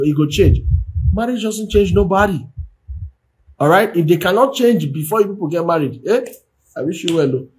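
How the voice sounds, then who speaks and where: A man speaks on a livestream as a relationship coach. His delivery is preachy and full of repeated phrases. He regularly checks in with his listeners by asking whether they understand. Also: high voice. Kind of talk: livestream marriage advice talk.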